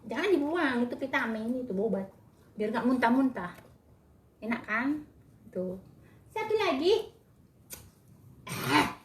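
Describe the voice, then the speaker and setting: A woman's voice: fairly high pitch, very animated, takes it slowly, pauses often. Doting woman coaxing her pets, echoey. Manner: doting, coaxing baby-talk. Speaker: pet owner. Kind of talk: casual talk to pets. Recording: echoey room.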